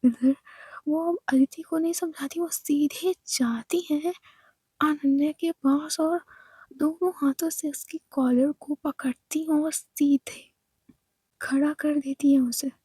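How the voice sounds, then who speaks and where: A woman narrating a love story in a hushed, mostly whispered voice. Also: high voice, fairly even intonation, slow pace, no room sound, poor audio.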